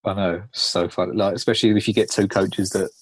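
A laid-back man telling stories in casual podcast chat, swearing as he goes. His voice is low and a little husky. The sound is close and dry. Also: fairly even intonation, a little fast, no echo.

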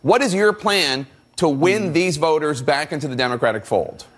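A man works as a broadcast news interviewer. His voice sits a little high as he sets out a prepared question. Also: normal speed, fairly bright tone.

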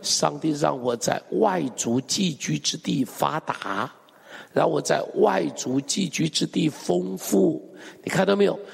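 Gravelly, emphatic pastor man in a reverberant hall. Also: fairly high pitch, measured pace. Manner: emphatic, asks the congregation rhetorical questions. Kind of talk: sermon. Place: church hall.

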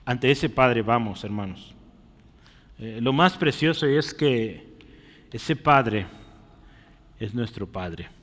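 In a church with long, echoing reverb, a man delivers a teaching sermon and keeps asking his listeners brief questions. He speaks slowly with long pauses, his medium-pitched voice animated and slightly bright.

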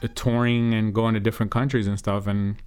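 A DJ and music producer who grew up in New Jersey, USA, is interviewed and tells stories in a laid-back, slangy, casual way. His voice is fairly low, with little pitch movement, and he talks fairly quickly.

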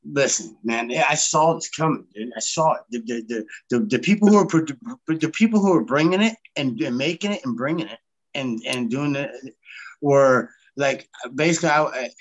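A man's voice: medium pitch, moderate pace. A man in casual podcast chat, emphatic and repetitive, peppering his talk with dude and man. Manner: emphatic, repeats himself, says dude and man.

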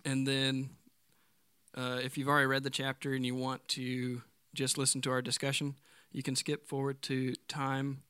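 A young man with a smooth, resonant voice hosts a casual podcast. He introduces the episode at an easygoing pace and laughs often with his co-hosts. The sound is dry and close. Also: medium pitch, monotone, normal speed, bright, forceful tone, no room sound. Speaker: podcast host. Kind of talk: casual chat.

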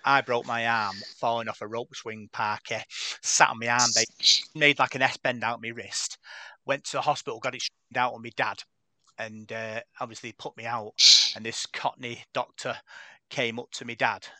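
A man's voice: medium pitch, flat delivery, normal speed, sharp tone, dry recording. A young man hosting a casual podcast, chatting and telling stories in a chatty, self-deprecating way. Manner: chatty, tells anecdotes with self-deprecating laughs. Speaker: podcast host reading the news.

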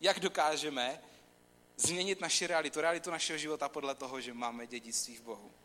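A man giving an informal, conversational sermon, talking straight to his listeners. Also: on the high side. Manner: conversational, animated, talks straight to the audience. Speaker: preacher. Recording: long hall reverb with faint room noise.

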